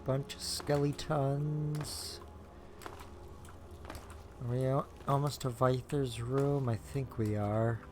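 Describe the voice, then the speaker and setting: A man's voice: mid-range voice, flat delivery, takes it slowly, pauses often. A man giving casual, rambling gameplay commentary as a streamer, with offhand asides, close on the microphone. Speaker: game streamer. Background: game music.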